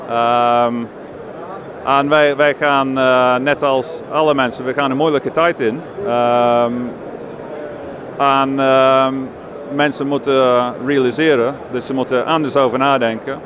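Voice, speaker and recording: A man in his forties from London, a native English speaker with an English accent, speaking haltingly in an interview on a handheld microphone. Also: mid-range voice, noisy background. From London, England. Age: 40s. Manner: halting, searching for words in second language. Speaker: company director being interviewed. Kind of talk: on-camera trade fair interview. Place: busy indoor trade fair stand. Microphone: handheld interview microphone close below chin. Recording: clear bustle of busy exhibition hall behind.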